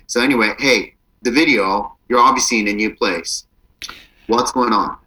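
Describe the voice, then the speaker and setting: Bright-voiced joking podcast host, a man. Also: medium pitch, normal speed, rough recording. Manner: jokey, playful, goofy outbursts. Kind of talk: casual podcast chat. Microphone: remote recording over the internet.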